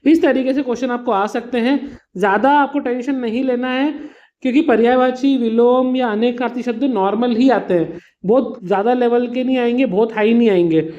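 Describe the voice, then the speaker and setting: In a muffled recording, a man with an extremely high-pitched, darkish voice talks at normal speed. He's giving students an exam revision lesson, patiently walking through simple examples, addressing them as "beta," and mixing in English words.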